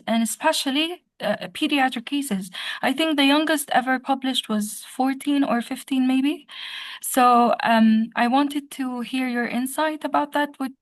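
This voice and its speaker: A woman's voice: sits high, no echo. A young woman from Sudan, a junior doctor, politely asking a question on a video call with some hesitation.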